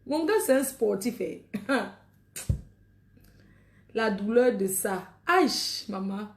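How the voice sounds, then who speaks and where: Slow-talking bawdy woman in an echoey room. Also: mid-range voice, expressive. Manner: bawdy, laughing, exclaiming "aïe, maman". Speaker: live-stream host selling products. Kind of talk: raunchy casual live chat.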